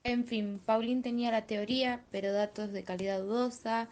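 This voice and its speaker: A woman's voice: on the high side, fairly even intonation, moderate pace, a crowd in the background. A young woman, a student, reading a school presentation steadily, with small fillers.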